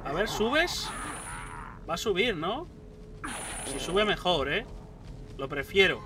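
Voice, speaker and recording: A young man giving excitable let's play commentary, swearing often and talking back at the enemies on screen. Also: sits high, slow pace, far from the mic, noisy background. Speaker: gaming YouTuber. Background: gunfire and game sounds.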